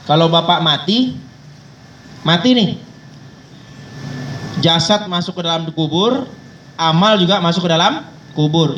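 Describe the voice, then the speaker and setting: Guy preaching in a mosque, high voice, jokey and folksy, mic kinda far, bit of traffic noise. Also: a bit bright, dull audio. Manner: folksy, joking, addresses listeners as Pak. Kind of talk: sermon. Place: mosque hall.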